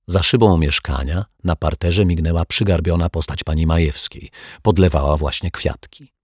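A man narrating a children's audiobook in a calm, even storytelling manner on a close mic. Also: sits low, normal speed, husky, dry recording. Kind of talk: scripted narration.

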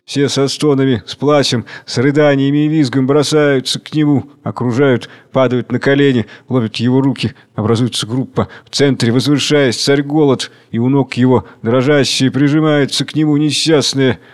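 A man reading the stage directions of a play in a measured, even way. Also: medium pitch. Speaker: reader.

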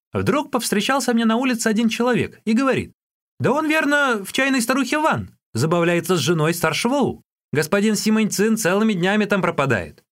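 A man voicing a cheeky young male street peddler who chatters in a high, excited voice.

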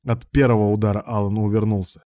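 A man narrating a novel in an even, matter-of-fact way. His voice sits low and mellow, and the recording is dry and close, with no room around it. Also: fast talker, no room sound. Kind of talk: audiobook narration.

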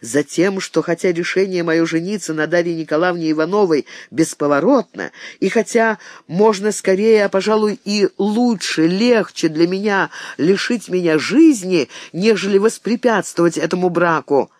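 A man's voice: sits high, normal speed, few pauses, no room sound, clean studio sound, voice pushed up, natural voice. A man voicing an ardent young nobleman who argues his case with heat and earnestness. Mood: earnest. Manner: heated, earnest.

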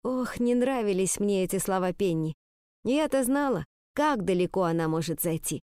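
A woman narrating a story in the first person with a lively storytelling manner. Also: medium pitch, moderate pace, smooth, dry recording, studio quality. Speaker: audiobook narrator. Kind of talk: audiobook reading.

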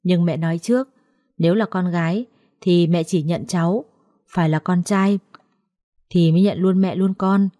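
A woman voicing an older, strict matriarch who speaks curtly and flatly. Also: on the low side, normal speed, no room sound, clean studio sound, natural voice. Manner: flat, curt.

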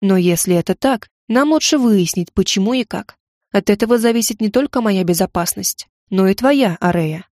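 A woman reading an audiobook plays a calm young dragon knight who teases in a relaxed, mocking way. His voice sits a little lower than the narration, and the reading is dry and close. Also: normal speed, no room sound, lightly acted. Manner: easygoing, mildly mocking.

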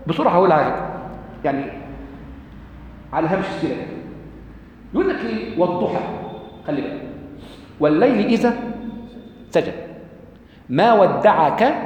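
A man with an Egyptian accent giving a religious lesson to an audience, asking them questions and reciting verses slowly and deliberately. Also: sits high. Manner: lively, asks the audience questions, quotes scripture slowly. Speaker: lecturer. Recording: echoey hall.

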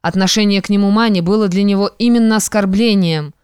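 Woman with a smooth, clear reading voice. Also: mid-range voice, quick pace, a little mellow, dry recording, studio quality. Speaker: audiobook narrator. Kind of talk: literary narration.

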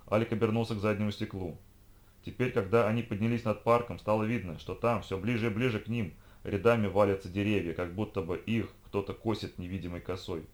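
A man narrating an audiobook with a dramatic reading of action scenes. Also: on the low side. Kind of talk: scripted narration.

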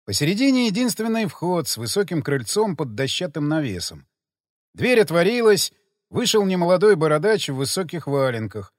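A man's voice: fairly high pitch, dry recording, studio quality. A man narrating a post-apocalyptic adventure audiobook.

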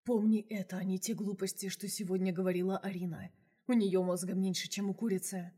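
A woman voicing a confident male boss and lover, speaking in a husky, hushed whisper in an audiobook. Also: medium pitch, level tone, brisk, close to an everyday voice. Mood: serious. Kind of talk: audiobook role reading.

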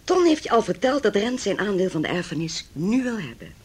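An actress's mid-range, slightly breathy voice swings widely in pitch and runs a little fast. She plays a cold, rich, haughty middle-aged mother set against her son's marriage in a Dutch radio play, delivering lines in a formal, condescending, cutting manner.

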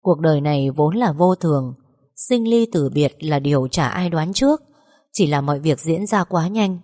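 A woman narrating an audiobook story in the first person, expressive and emotional. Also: sits low, moderate pace. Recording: long reverb.

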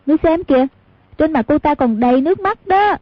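A woman voicing a simple-minded, childish young girl in an audiobook, speaking in a high, insistent tone, on a tinny lo-fi recording. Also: lively intonation, brisk, dry recording.

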